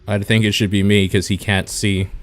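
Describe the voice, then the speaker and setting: A man playing a tabletop role-playing game, talking in halting starts and stops as he plans his character's moves. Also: fairly low pitch, flat delivery. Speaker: player. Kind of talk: casual tabletop game chat.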